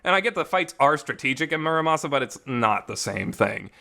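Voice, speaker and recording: A man reviewing visual novels on his channel speaks a little fast and animated, with a fairly high, sharp voice and vocal fry. His casual, unscripted podcast-style talk is colloquial, emphatic and mildly profane, captured in an echoing home recording.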